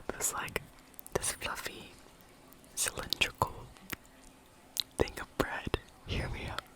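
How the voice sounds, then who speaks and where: An ASMR vlogger chatting in a soft unvoiced whisper, rambling with many fillers and eating between remarks. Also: poor audio. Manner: chewing and eating sounds between talk.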